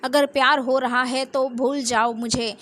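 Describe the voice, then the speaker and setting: A poor young slum girl, proud and wary, pleads in an earnest, high voice, as a woman narrator reads her lines. It is a plain read-aloud storybook telling. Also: steady tone, unhurried, a bit bright. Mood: upset.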